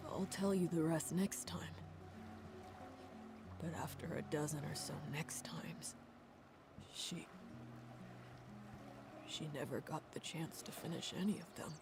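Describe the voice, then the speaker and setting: A tearful grieving young man. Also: fairly high pitch. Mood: sorrowful. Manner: halting, tearful and soft. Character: grieving young man missing his grandmother. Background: game music.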